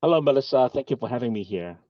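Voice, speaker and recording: A man's voice: mid-range voice, animated, fast, no room sound, highs cut off. A man, giving earnest, rambling answers as an interview guest over a video call. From Hong Kong. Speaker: guest, bank executive. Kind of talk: casual interview talk.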